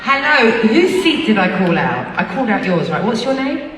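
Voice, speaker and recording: A woman's voice: a little high, very animated, normal speed. Cheeky woman chatting from a concert stage. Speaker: singer performing a concert. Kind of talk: on-stage banter with the audience. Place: large indoor concert venue. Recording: distant echoey arena recording, loud crowd.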